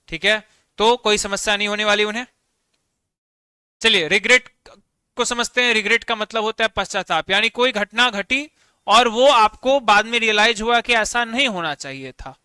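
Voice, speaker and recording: A man's voice: high voice, normal speed, pushed and bright, clean tone, no room sound, clean studio sound. A man teaching a vocabulary lesson online, explaining words with everyday examples and often checking in with the class. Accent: Bihari Hindi.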